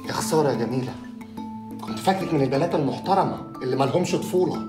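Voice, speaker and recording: An actor playing a pompous, bossy company owner, blustering and teasing in an Egyptian accent. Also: male voice, on the high side, animated, very fast, natural voice. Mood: mocking. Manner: blustering, self-important, teasing. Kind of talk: comic film acting. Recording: film audio with room echo and music.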